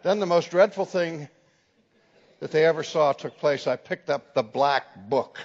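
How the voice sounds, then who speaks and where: A male preacher telling a story in a slow, deliberate sermon, his voice a little high for a man. It rings out with a long reverb in a large hall on a dull, lo-fi recording. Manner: dramatic storyteller who acts out the people in his stories. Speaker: preacher and teacher.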